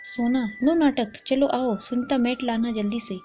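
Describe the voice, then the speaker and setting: A woman voicing a brisk, practical middle-aged mother. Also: a little high, warm tone, a little hiss or hum, natural voice.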